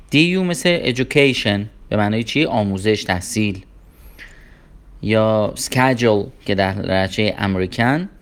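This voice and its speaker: A man with a Persian accent teaching English pronunciation in a casual, playful way, asking the listener questions and slipping in jokes. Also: on the low side. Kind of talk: casual language lesson.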